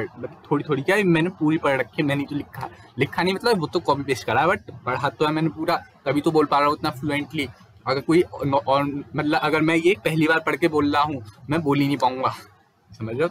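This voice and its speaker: A young man giving a casual, fluent lecture as a teacher, explaining quickly and mixing in English terms. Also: medium pitch, fairly bright tone, a little hiss or hum.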